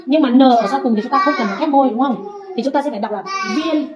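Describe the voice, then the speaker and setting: A woman's voice: high-pitched, very noisy. Patient woman drilling pronunciation. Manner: patient, repeats sounds slowly for the learner to echo. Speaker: Vietnamese language teacher. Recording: dull lo-fi recording.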